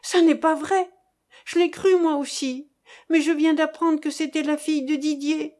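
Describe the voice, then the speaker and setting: A woman voicing a distressed mother who cries out her words in shrill, urgent bursts. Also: animated, slow pace, warm tone, full character voice. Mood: frantic. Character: distressed mother, frantic and pleading.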